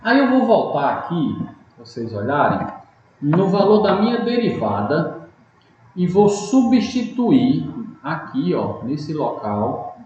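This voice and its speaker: A man with a slightly high, darkish voice and big pitch swings teaches a recorded online math lesson slowly, step by step. He is patient and often checks in with his students, and the room audio is echoey, dull, and lightly noisy.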